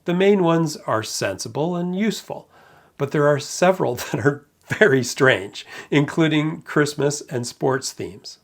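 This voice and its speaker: A man narrating a product review in a measured, matter-of-fact way with light amused asides. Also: on the high side, animated.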